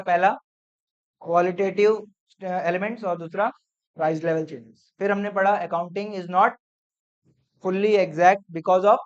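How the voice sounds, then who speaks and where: A man teaches an accounting revision class, counting off points and quizzing his students as he goes. He mixes English terms into his Hindi. The recording sounds dull and lo-fi. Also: high voice. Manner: drills points in numbered lists, quizzing students.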